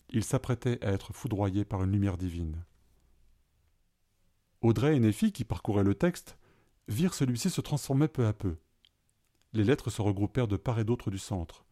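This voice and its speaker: A man reading an adventure story aloud in a calm, even narrating voice. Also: on the low side.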